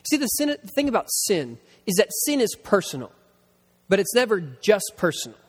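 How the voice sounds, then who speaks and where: A man preaching a sermon and telling personal stories, slowing down to repeat his key lines for emphasis. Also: high voice, sing-song, slightly rough. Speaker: pastor. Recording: long hall reverb.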